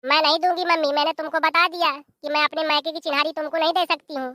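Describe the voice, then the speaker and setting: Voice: high-pitched, flat delivery, quick pace, sharp tone, no echo, clean studio sound. A performer voicing a tart, sarcastic young daughter-in-law.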